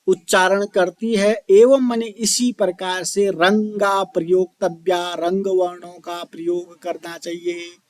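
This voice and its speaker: A man's voice: high voice, no room sound. A man teaching a Sanskrit verse in a lesson video, calling his listeners children and asking and answering his own questions. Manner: chants verses slowly. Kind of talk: classroom explanation video.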